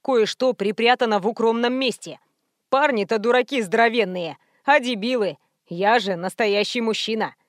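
A woman's voice: on the high side, normal speed, no room sound, close to an everyday voice. Teen boy killer, boastful and callous, read by a woman narrator, dry close audiobook sound. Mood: smug. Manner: smug, cheerfully callous.

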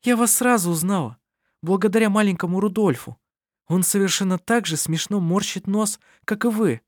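A man's voice: moderate pace, dry recording, studio quality, natural voice. A male audiobook reader voicing a young woman schoolteacher, friendly and eager, in a raised voice. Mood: cheerful. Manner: lively, high, eager.

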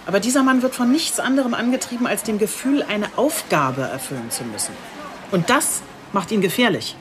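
A woman voices a determined, composed police chief inspector in scripted radio drama dialogue, sounding articulate, earnest and matter-of-fact. Her natural, mid-range voice has lively intonation and a fairly quick pace, over a noisy background.

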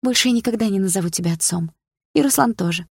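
A woman's voice: mid-range voice, fast talker, gravelly, slightly rough, no echo, studio quality. A woman reading a young woman who tearfully confronts her jailed father in an audiobook and later teases her brother. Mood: bitter, tearful. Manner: pleading, bitter, then playful and teasing.

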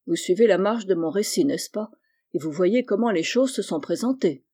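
Troubled young guy confessing, voiced by a reader, slow and earnest, warm dark tone. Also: mid-range voice, animated, breathy edge. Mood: measured. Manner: earnest, deliberate. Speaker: character in a novel reading. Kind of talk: dramatic audiobook reading.

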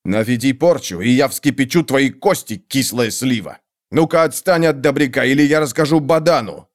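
A man voicing a hot-tempered male soldier who scolds loudly and indignantly, a bit higher than his own voice. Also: normal speed, natural voice. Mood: threatening.

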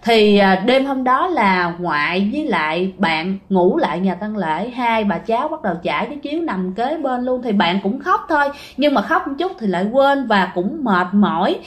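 Speaking at a moderate pace with few pauses, a woman with a medium-pitched, animated voice and a Southern Vietnamese accent tells a ghost story casually. She keeps it chatty and addresses her listeners directly.

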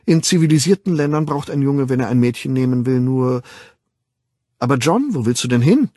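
A man's voice: mid-range voice, fairly even intonation, fairly quick, mellow, no room sound, clean studio sound, pitched above the performer's own voice, natural voice. A man voicing a blunt, dismissive woman in an audiobook. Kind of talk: audiobook reading.

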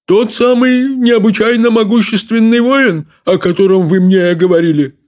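A man narrating an audiobook voices a fat, greedy, pompous male consul who speaks in a slow, smug, chomping drawl. The character sits high, pitched above the performer's own voice, with a darkish tone, and the delivery sounds natural.

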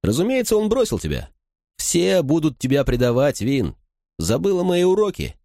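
A man's voice: on the high side, wildly swooping pitch, moderate pace, creaky, dark tone, dry recording, studio quality, pitched above the performer's own voice, heavily acted. A man voicing a cold, mocking young man in an audiobook, talking in a sneering half-whisper.

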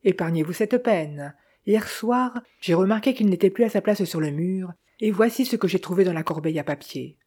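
A woman reading the lines of a small, courteous older male detective in formal, measured speech. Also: lowish voice, expressive, dark tone, husky.

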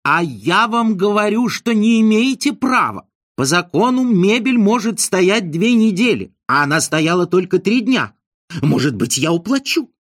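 A man puts on a giddy male wit who gushes compliments in a high, breathless voice full of sighing ahs. The voice leaps up and down in lively swoops, recorded close and dry with no room around it. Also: slow, vocal fry, slightly rough, no room sound, heavily acted. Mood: alarmed, pleading.

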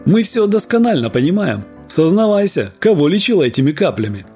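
Narrator doing a stern older village medic, clipped and strict, slightly raised voice. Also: male voice, fairly high pitch, sing-song, fairly quick, darkish tone, faint music behind, pitched above the performer's own voice. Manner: stern, curt.

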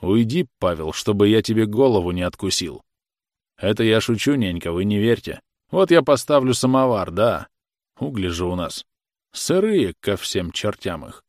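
A man voicing a gruff young workman who talks in a blunt, sardonic, teasing way. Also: on the low side, expressive, moderate pace, no echo, studio quality, natural voice. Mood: mocking.

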